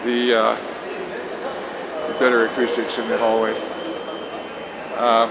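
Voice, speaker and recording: Speaking slowly at a middle pitch, a loud older man from Canada vents emphatic, indignant political opinions in a rambling vlog recorded on a phone on a selfie stick. He starts outdoors, then moves to indoor stairs and a hallway, where his voice echoes with a long reverb tail over a steady background hum.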